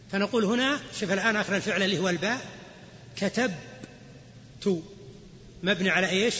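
Man, grammar lecture, quizzes students, high voice, dull lo-fi recording. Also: bright, forceful tone. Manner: explains then quizzes students. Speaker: Islamic scholar teaching grammar. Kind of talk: classroom lecture. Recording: lo-fi recording with long hall reverb.

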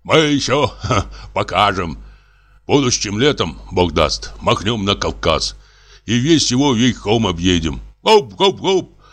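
A man's voice: lowish voice, animated, a little slow, a bit bright. Jovial fussy old postmaster, hearty and familiar, a male reader putting him on.

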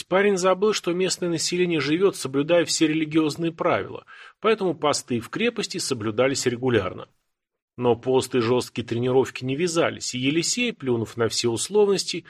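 Husky male audiobook narrator. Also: a little high. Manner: steady storytelling. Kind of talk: scripted narration.

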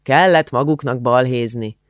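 A man voicing a gruff, blunt older policeman in an audiobook, giving orders in a stern, grumbling way. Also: mid-range voice, no echo, clean studio sound, lightly acted. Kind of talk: audiobook character voice.

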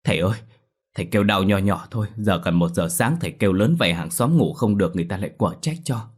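A man's voice: fairly low pitch, fast, slightly rough. A man voicing an anxious middle-aged daughter, in a spoken story. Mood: worried. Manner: anxious, hushed urging.

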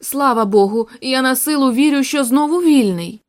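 A woman's voice: high-pitched, normal speed, natural voice. A woman reading the part of a shaken young man just freed from captivity, speaking in an anguished, faltering way.

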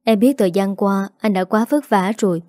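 A woman's voice: mid-range voice, moderate pace, darkish tone, dry recording, clean studio sound, natural voice. A woman voicing a caring young man in an audio story, speaking in an encouraging way.

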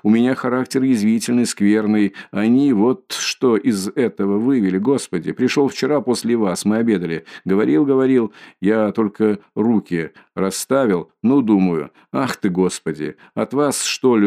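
A man's voice: fairly low pitch, normal speed, few pauses, dark tone, close to an everyday voice. Man doing a sly fawning investigator. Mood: insinuating. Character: sly fussy middle-aged male police investigator. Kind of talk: audiobook character voice.

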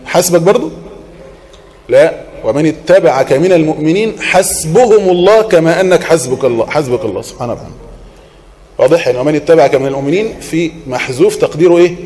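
A man with an Egyptian Arabic accent preaches an Islamic sermon, asking rhetorical questions and answering them himself while reciting Quranic verses in a measured, chanting tone. He swings between loud emphasis and soft, murmured reassurance, and his fairly high voice carries a little hiss or hum.

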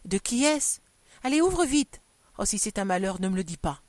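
A woman reading aloud, voicing an impulsive, nervous bourgeois wife who pleads and exclaims in a raised, higher voice. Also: quick pace, no room sound, close to an everyday voice. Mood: alarmed. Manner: excitable, pleading, higher and louder than the narration.

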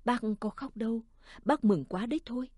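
A woman voicing an old village woman, a gentle mother figure, pleading softly through tears in a storybook reading. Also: a little high, normal speed, dry recording, studio quality, lightly acted. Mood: tearful.

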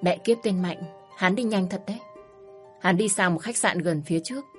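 A woman reading a first-person story in a measured, plain storytelling manner. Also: lowish voice, faint music behind. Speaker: narrator.

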